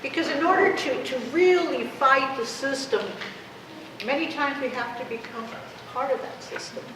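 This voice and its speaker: Her high voice moves at a normal speed as this Spanish-speaking woman, fifties, delivers an impassioned activist talk in a conversational style, often asking rhetorical questions. Captured from a distance in an echoey space, with clear noise audible.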